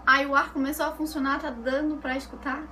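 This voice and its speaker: Woman, Brazilian Portuguese accent, high voice, lively storyteller, faint room hum. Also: brisk. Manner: animated, acts out quoted voices. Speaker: vlogger. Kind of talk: casual storytelling vlog. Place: her bedroom.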